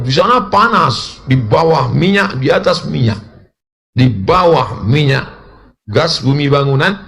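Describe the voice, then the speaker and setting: Joking, rather high-voiced male preacher. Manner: jokes and teases, breaks into shouts at punchlines; asks the crowd for agreement. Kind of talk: lively humorous sermon to a crowd. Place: public religious gathering with officials.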